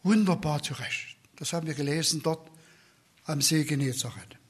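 Male preacher, slightly higher voice, husky, earnest sermon delivery. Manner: slow, earnest, soft whispered questions.

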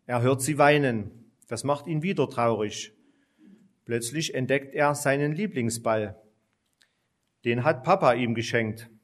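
Guy slowly reading a kids story, gentle voice. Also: mid-range voice. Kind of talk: scripted narration of a children's story.

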